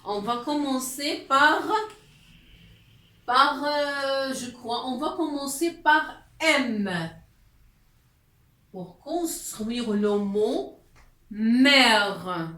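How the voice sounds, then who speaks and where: A woman's voice: high-pitched, extremely slow, pauses often, sharp tone. A woman teaching a class, explaining letters patiently with frequent hesitations and repetitions. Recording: echoey room.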